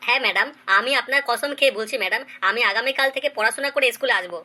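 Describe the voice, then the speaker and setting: The performer delivers a cheeky student's deferential, pleading excuses in a comedic cartoon sketch. It's a mid-range voice going very fast.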